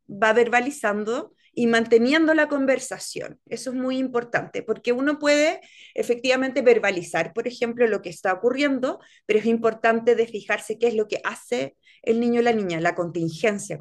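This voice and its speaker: Woman leading a teacher workshop. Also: fairly high pitch. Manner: explanatory, checks in with frequent "¿cierto?". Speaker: workshop instructor. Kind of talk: online teacher training lecture.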